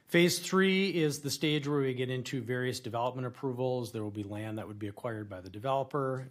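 A man speaking as a city department director, giving a formal, explanatory presentation to a council. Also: mid-range voice. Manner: explanatory, procedural. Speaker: city community development director. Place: council meeting room.

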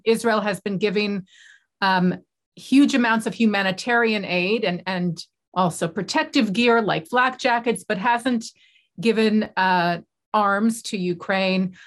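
A woman's voice: mid-range voice, a bit bright. A woman interviewing a guest, asking long, detailed questions and supplying words the guest is searching for.

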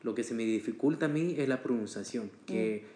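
Casual male podcast guest, rambling with fillers, medium pitch, roomy echo. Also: a little fast, dark tone, a little hiss or hum. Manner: chatty, hesitant with fillers and restarts.

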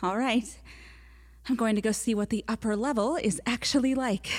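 A brave young woman who talks straight and pushes others on. Her voice sits high. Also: steady tone, normal speed, a little mellow, slightly rough. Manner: direct, encouraging. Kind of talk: video game voice acting.

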